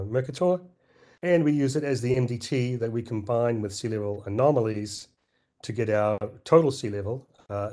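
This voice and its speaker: A middle-aged conference presenter speaks on science in a mellow, medium-pitched voice, hoarse, throat-clearing, and full of fillers and restarts.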